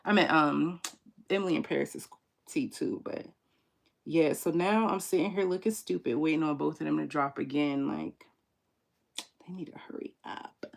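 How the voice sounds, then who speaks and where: A woman with a low, gravelly voice hosts a casual tarot livestream. She reads viewer comments aloud and talks in a relaxed, slangy way between card pulls. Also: moderate pace. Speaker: tarot reader hosting a livestream.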